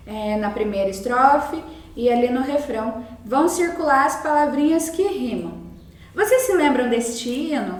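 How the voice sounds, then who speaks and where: Brazilian teacher lady, highish voice, slow patient explaining for little kids, echoey and a bit far from the mic. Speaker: primary school teacher. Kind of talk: recorded remote lesson for young children. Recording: roomy sound, mic at a distance.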